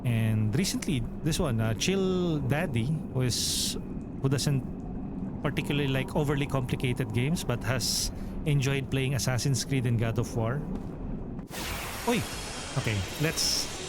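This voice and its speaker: A Filipino man with a Filipino accent streams a role-playing game, reading menus aloud, thinking out loud and chatting with viewers in live let's play commentary. His medium-pitched voice is unhurried, and the recording is very noisy.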